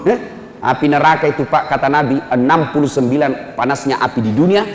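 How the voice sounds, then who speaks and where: A man preaching an animated sermon with a Makassar accent, acting out voices dramatically and joking with the audience. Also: medium pitch, a little fast, a little hiss or hum. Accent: Makassar Indonesian. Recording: echoey hall reverb.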